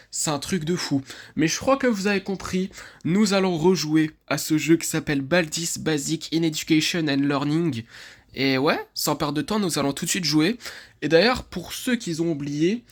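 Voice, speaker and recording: A man from France giving excitable, chatty let's-play commentary, laughing often and swearing casually. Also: on the high side. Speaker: gaming YouTuber.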